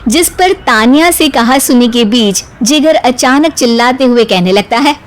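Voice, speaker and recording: Animated woman narrating a cartoon story. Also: high voice, unhurried.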